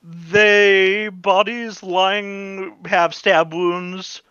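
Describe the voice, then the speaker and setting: Male game master, casual narration, higher-set bright voice, very dry sound. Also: fairly even intonation, very slow, clear, resonant tone, no room sound, muffled recording.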